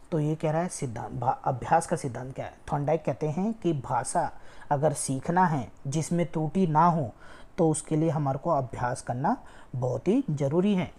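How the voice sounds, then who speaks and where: Her voice is deep and warm. She's giving an online exam-prep lecture, walking through the material step by step, stressing key words by repeating them and frequently asking "ठीक है".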